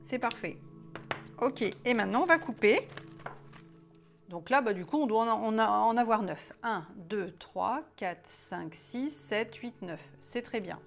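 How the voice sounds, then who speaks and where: A woman's voice: fairly high pitch, lively intonation, measured pace, gravelly, soft background music. A woman leading a guided wellness exercise in a casual, chatty way, often hesitating and restarting her sentences.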